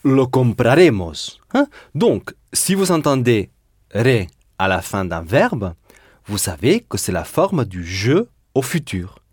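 A man's voice: medium pitch, sing-song, takes it slowly, husky, dry recording, clean studio sound. A man teaching a recorded language lesson, patiently explaining and stressing word endings as he goes. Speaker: Spanish teacher.

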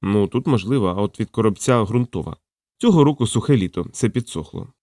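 Male audiobook narrator, expressive reading, animated pitch, dry close-mic recording. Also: fairly quick, no echo. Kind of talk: audiobook narration with voiced dialogue. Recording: dry close studio sound.

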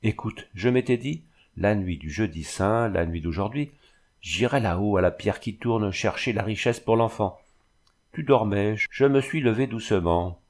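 A man reading the lines of a desperate young peasant mother who has lost her child, in a low voice and a pleading tone. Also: darkish tone. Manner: pleading, anguished storytelling.

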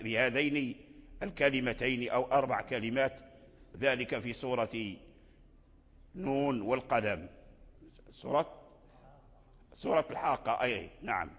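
A man's voice: a little high, fairly bright tone. A man teaching as a sheikh, explaining a recitation poem and repeating words aloud to show how they are pronounced. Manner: deliberate explaining, with restarts. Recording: echoey hall, dull lo-fi sound.

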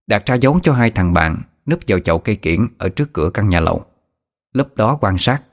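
A man narrating an audiobook story in a steady, even storytelling manner. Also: fairly low pitch, a little fast. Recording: faint background music. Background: soft background music.

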